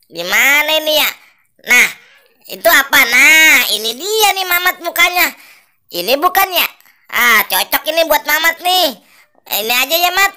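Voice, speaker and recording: A woman's voice: sits high, sharp tone, heavily acted. A woman voicing Toing, a lazy, grumbling male ondel-ondel puppet who teases his crying friend. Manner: grumbling, teasing, bossy.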